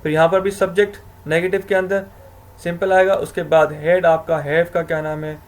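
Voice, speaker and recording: Male grammar teacher, slightly high-pitched, talks through rules with frequent self-corrections. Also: level tone, moderate pace. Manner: explains step by step, asks himself questions, self-corrects with "sorry". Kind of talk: recorded video lecture.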